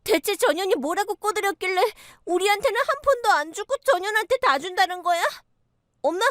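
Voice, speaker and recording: A woman's voice: very high-pitched, lively intonation, fairly quick, a bit bright, no echo, clean studio sound, voice pushed up. A woman voicing a grasping youngest sister-in-law who whines and demands in a storybook radio tale. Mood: demanding.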